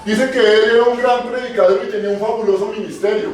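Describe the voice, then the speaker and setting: A man's voice: sits high, steady tone, fast talker. A male pastor preaching a sermon, putting questions to the congregation and repeating key phrases for emphasis. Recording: echoey church from far off.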